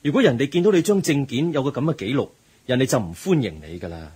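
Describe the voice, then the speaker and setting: Voicing a kind, moralizing middle-aged teacher in a radio drama, a Hong Kong Cantonese-accented man earnestly lectures a student with patience. He talks fast in a medium-pitched, sing-song voice that's slightly mellow and husky.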